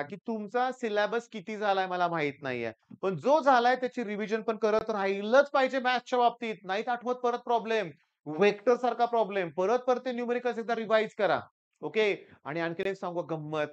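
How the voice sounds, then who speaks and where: A man from the Sangli region, an engineering maths teacher giving students an earnest, animated motivational talk. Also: high voice, clean tone, highs cut off. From Sangli region, Maharashtra.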